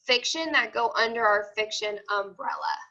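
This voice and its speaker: An elementary school teacher leads an informal online class for children, explaining things step by step and frequently checking they're following. Her voice is on the high side and sharp at a moderate pace, heard through dull, lo-fi video call audio.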